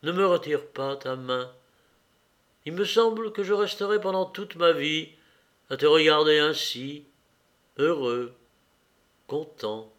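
An earnest young nobleman in love, speaking in a moved, solemn voice that sits a little high, as a male reader plays him. He talks slowly and with feeling. It sounds like a character in a read-aloud novel. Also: a bit bright. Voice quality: emotional, earnest. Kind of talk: audiobook character reading.

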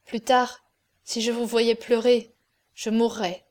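Rich: A woman voices a young girl in love, earnest and fervent, her words coming with tearful warmth. The voice is a touch high in this audiobook reading. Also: flat delivery, slow.

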